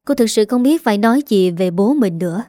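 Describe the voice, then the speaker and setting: Woman, audiobook narrator, calm even reading, mellow, dry close sound. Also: mid-range voice, fairly quick, no room sound. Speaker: story narrator.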